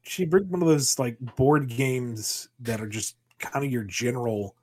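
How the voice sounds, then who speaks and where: A man's voice: medium pitch, unhurried, darkish tone. Man riffing playfully in casual chat. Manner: playful, riffing comic scenarios.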